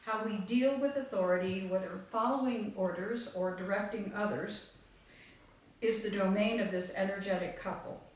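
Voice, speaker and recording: Woman speaking far off in an echoey room. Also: mid-range voice. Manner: reflective, meandering with many fillers. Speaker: meditation group leader. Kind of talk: talk to a live group. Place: meeting room with audience.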